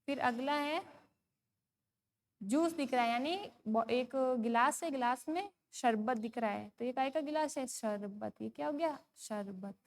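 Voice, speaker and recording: Slow high-voiced Indian teacher woman. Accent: Rajasthani Hindi. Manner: chants poem lines slowly, asks and answers her own questions. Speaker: primary school teacher. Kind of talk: slow recited Hindi lesson for young children.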